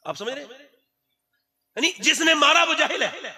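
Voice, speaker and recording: A man from India preaching at a religious gathering, speaking loudly and declaiming, rising to shouts as he tells stories. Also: very high-pitched, animated, normal speed.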